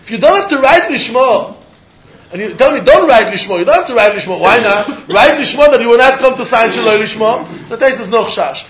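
A man's voice: extremely high pitch, lively intonation, brisk, fairly bright tone, slight background noise. A man with a Yiddish accent teaching a religious text lesson in a sing-song pattern of questions and answers. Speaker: Talmud teacher. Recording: echoey room.

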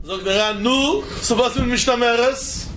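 A man's voice: very high-pitched, unhurried, heavy background noise. A man with lecturing informally as a Talmud teacher, asking rhetorical questions and repeating phrases for emphasis.

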